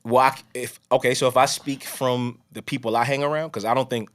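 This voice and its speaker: This podcast host speaks fairly quickly in a medium pitch with fairly level intonation. In casual conversation his strong voice meanders, and he frequently breaks off and begins his sentences again.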